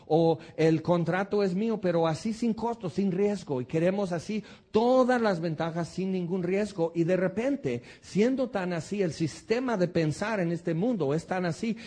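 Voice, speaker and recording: A man preaching a sermon, earnest and animated, full of rhetorical questions. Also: fairly high pitch.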